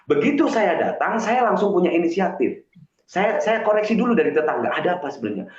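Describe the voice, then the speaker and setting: A man with a fairly high voice tells his story earnestly and hesitantly, full of fillers and restarts. The sound is roomy and echoing, and the audio is dull and lo-fi like a cheap live stream. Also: sing-song, fast talker. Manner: earnest and confessional. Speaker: guest on a live stream, self-styled healer.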